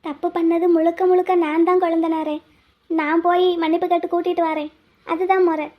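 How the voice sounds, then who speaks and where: A man's voice: very high voice, level tone, fairly quick, muffled recording, pitched above the performer's own voice. A man voicing a remorseful young wife who speaks humbly and apologetically.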